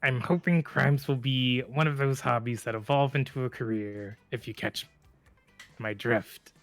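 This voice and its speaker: A smug, scheming demon voice, put on by a man while playing a game, growled with as much vocal fry as he can manage. The voice sits at a middling pitch and sounds like a friendly devil tempting someone into crime. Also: steady tone, unhurried, faint music behind, close to an everyday voice. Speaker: gaming streamer. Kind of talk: voicing a character in a game playthrough.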